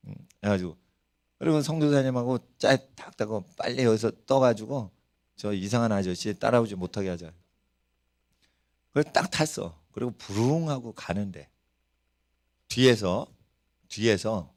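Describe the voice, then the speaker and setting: A middle-aged man, a pastor, preaching a sermon in church, telling stories and putting questions to the congregation. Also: mid-range voice. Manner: animated storytelling preacher, rhetorical questions to the congregation. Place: church sanctuary.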